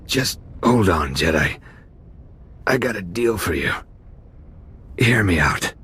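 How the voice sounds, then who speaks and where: An actor playing a boastful, menacing pirate warlord in a video game, with a pompous manner. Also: male voice, deep voice, expressive, slow pace, fairly bright tone, husky, full character voice. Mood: bargaining. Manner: pompous, grandiose. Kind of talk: video game villain acting.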